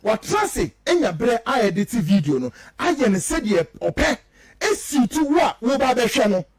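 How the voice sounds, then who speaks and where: This is studio-quality audio with no room sound: a man with an extremely high, sing-song pitch speaks unhurriedly. A native Twi speaker from Ghana, he declaims emphatic, accusatory political radio commentary, switching between local language and English.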